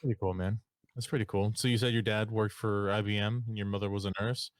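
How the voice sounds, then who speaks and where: A man hosting a podcast, asking his guest easygoing, halting questions in casual chat. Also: lowish voice, steady tone, dry recording. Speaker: podcast host.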